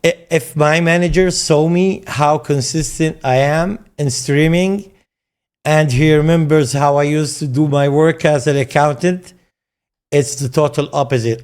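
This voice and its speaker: A man in his forties, a streamer and host whose first language is Arabic, runs a casual interview in English. His voice is a little high, smooth and darkish in tone, and he often stammers and restarts his words.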